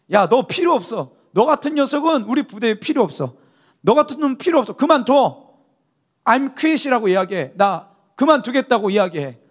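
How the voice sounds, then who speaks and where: A man's voice: very high-pitched, slightly rough, voice pushed up, full character voice. A man voicing a harsh, abusive male special-forces drill instructor who barks insults and orders. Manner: barking, yelling insults.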